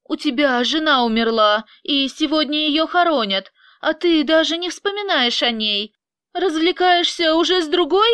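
A woman voicing a distraught, defiant young mother with shrill, tearful outbursts. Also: lively intonation, moderate pace, a bit bright, dry recording, studio quality. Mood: angry.

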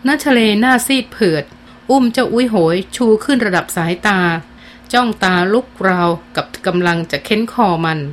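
Woman narrating a novel, measured delivery. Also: fairly high pitch, a little hiss or hum. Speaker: audiobook narrator. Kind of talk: scripted narration.

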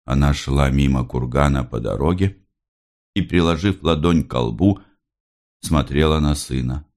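A man narrating a novel aloud in a measured, unhurried reading. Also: extremely low pitch, a little mellow. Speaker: audiobook reader. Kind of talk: scripted literary narration.

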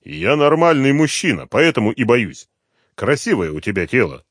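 A man reading an audiobook, voicing a calm, unflappable man who speaks levelly and with dry irony. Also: mid-range voice, normal speed, no room sound, voice pushed up. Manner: calm, level, dryly ironic. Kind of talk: audiobook character voice.

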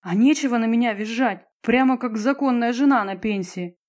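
A woman's voice: medium pitch, steady tone, moderate pace, darkish tone, lightly acted. Larisa, a jealous teenage schoolgirl, read by a woman. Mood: scornful. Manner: cutting, mocking. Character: sharp-tongued teenage schoolgirl, jealous and fiery.

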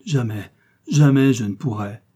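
A man's voice: medium pitch, a little slow, mellow, husky. A man reading aloud and voicing a scheming, seductive noblewoman prisoner who pleads with theatrical pathos. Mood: anguished.

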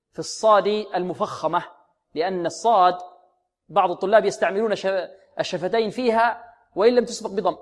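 A man teaching Quran recitation rules, who asks his students questions, answers them himself and slows down to demonstrate each sound. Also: sits high. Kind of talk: tajweed lesson with demonstrations.

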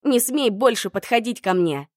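A woman voicing a hurt, furious young woman who shouts through tears. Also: on the high side, lively intonation, normal speed, no room sound, clean studio sound, voice pushed up, natural voice. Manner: tearful, shouting.

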